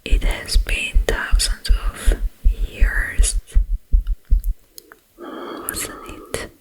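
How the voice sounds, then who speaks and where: In an ASMR roleplay, a woman plays a sleep paralysis demon who is both soothing and menacing. She speaks in a breathy whisper, her phrases halting and drawn out, creating a calm yet eerie mood.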